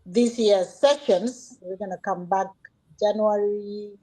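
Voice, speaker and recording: A woman hosting an online session, thanking viewers in an unscripted, hesitant way with frequent pauses. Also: mid-range voice, dark tone, poor audio. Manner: hesitant, pausing often. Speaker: host.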